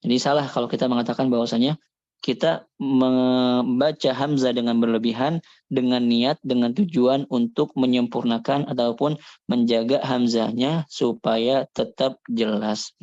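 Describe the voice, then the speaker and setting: A man giving a religious lesson on Quran recitation, calmly explaining and slowly demonstrating Arabic sounds. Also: mid-range voice, dry recording, highs cut off.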